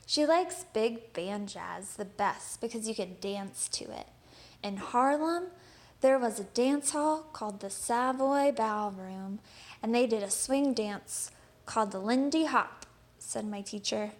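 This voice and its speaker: A woman reads a children's picture book aloud, telling the story expressively. Her voice sits a little high, and she keeps a measured pace.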